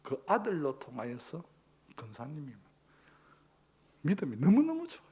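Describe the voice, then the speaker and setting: A man's voice: on the high side, huge pitch swings, moderate pace, darkish tone, husky. A male pastor, preaching a sermon emphatically and posing rhetorical questions to the congregation.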